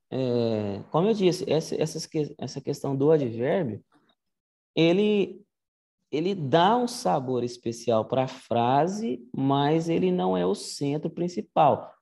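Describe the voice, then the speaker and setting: A Latin teacher gives a casual online lesson, walking through the material step by step and often checking in with "né?". His voice is a little high and creaky, with a warm tone, and his manner stays conversational.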